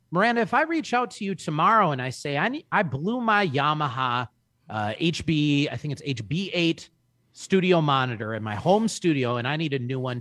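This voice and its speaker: Emphatic man in his forties, lively pitch. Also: no echo, studio quality. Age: 40s. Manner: energetic, emphatic salesman's pitch. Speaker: guest. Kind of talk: casual podcast chat.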